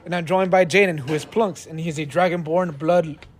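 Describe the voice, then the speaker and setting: Higher-voiced man running a tabletop game. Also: fairly even intonation, moderate pace. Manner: casual, laughs often, explains with a few restarts. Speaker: dungeon master.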